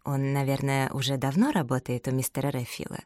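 A woman voicing a gentle, fluttery, chatty old lady who talks politely. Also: very deep voice, fairly even intonation, brisk, dry recording, clean studio sound.

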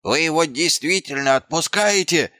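A man's voice: animated, normal speed, bright, forceful tone, no room sound, clean studio sound. A man voicing an indignant, quarrelsome male dwarf who complains and pushes. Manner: shrill, complaining, pushy.

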